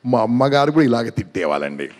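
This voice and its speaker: A man's voice: medium pitch, sing-song, fast, darkish tone, in a large hall, voice pushed down, lightly acted. Man voicing a mock-sweet young wife. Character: young married woman answering her mother-in-law sweetly.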